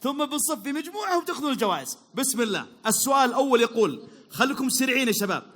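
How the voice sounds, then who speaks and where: A Saudi man hosting a quick quiz for a crowd, upbeat and teasing, repeating praise and calling out to the audience. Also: very high-pitched, very animated, fairly bright tone. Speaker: quiz host at a public event.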